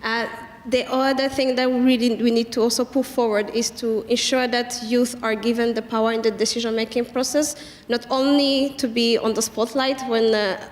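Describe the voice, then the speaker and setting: Young female panelist, from Rwanda, earnest, high and even, roomy hall. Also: normal speed. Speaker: youth climate advocate, panelist.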